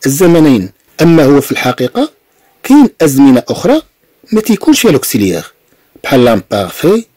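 A man with a Moroccan Arabic accent gives a beginner French lesson, drawing words out and repeating them patiently. His husky, warm voice rises and falls a lot as he explains. The sound is dry and close. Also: mid-range voice, no echo. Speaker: French teacher. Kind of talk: language lesson with pronunciation drills.

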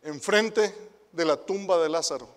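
A Mexican man with a high voice preaches a sermon to the youth, peppering it with rhetorical questions. He drops to hushed asides, then rises to loud, emphatic declarations. His voice trails off into the long reverb of a hall. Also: measured pace. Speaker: pastor and youth director.

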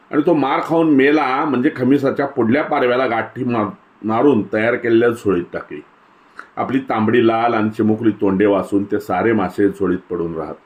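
A man narrating a literary short story in a measured, descriptive way. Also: on the low side, darkish tone. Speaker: story reader.

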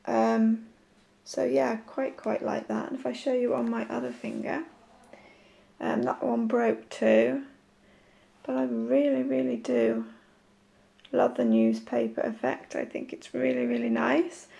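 Talking haltingly and informally to her camera, a woman who makes nail art videos sounds hoarse from a sore throat. Her voice is on the high side, mellow, and level in tone.

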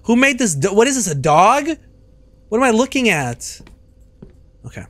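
A young man in his twenties giving casual, joking commentary while streaming a game, with loud outbursts and swearing, on a studio mic. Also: sits high, big pitch swings, normal speed, no echo. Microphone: studio mic on arm.

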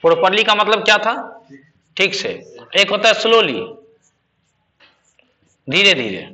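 A man's voice: high-pitched, big pitch swings, measured pace, sharp tone. A man teaching a spoken English class, quizzing students with repeated questions. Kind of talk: classroom lesson.

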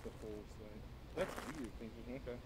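A man's voice: mid-range voice, moderate pace. A man co-playing a ghost-hunting game, chatting casually and teasing his friend. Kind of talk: casual gaming chat with friends. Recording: noisy background.

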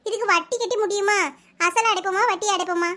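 A proud, quick-tempered village housewife in a cartoon comedy, voiced by a woman. She scolds and argues in a very high, fast, bright voice. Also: steady tone. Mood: worried. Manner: scolding, argumentative. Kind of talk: animated village comedy voice acting.

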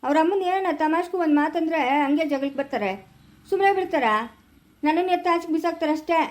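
A woman's voice: very high voice, fast talker. A woman playing a defiant village son. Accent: rural Chikkaballapura Kannada. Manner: curt, dismissive, then soft cooing with a baby. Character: grown village son, defiant and sharp-tongued. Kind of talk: amateur family skit.

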